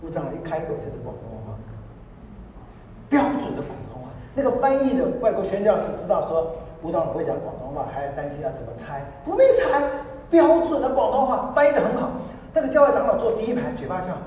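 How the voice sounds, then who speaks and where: A high-voiced man preaches, telling his story in lively bursts and breaking into laughter as he mimics others. His voice carries from a distance across a big hall. The long echo lingers after each phrase. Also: quick pace, a little hiss or hum. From Taiwan. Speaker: pastor. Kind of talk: storytelling sermon. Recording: echoey hall, voice from far off.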